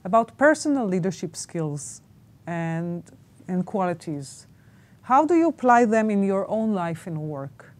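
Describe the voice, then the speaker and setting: A woman interviewing guests, asking long questions with many pauses and fillers. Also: medium pitch, sing-song, a little mellow.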